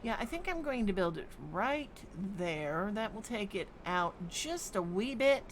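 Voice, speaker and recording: Woman streamer, slow unhurried delivery, mid-pitched, musing aloud over gameplay with hums and ums. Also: sing-song, a little hiss or hum. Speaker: game streamer. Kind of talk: live gameplay commentary.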